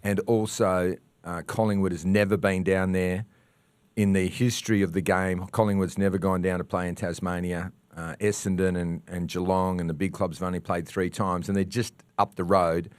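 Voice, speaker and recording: An Australian man co-hosting a sports podcast, ranting and fired up, repeating himself and bursting into shouts. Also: low-pitched, little pitch movement, normal speed, clean tone, no room sound.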